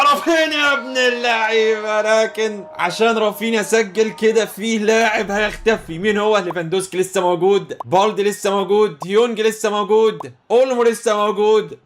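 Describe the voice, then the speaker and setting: A young man with an Egyptian accent commentating his football video game, excitable and exclamatory as he reacts to plays. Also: sits high. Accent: Egyptian Arabic. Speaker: gaming channel host.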